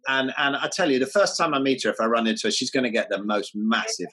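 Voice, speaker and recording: A man's voice: mid-range voice, lively intonation, quick pace, fairly bright tone, a little hiss or hum, poor audio. A man talking as an interview guest, enthusiastic, stumbling over false starts and repeated words. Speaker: guest, health writer. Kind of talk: casual interview chat.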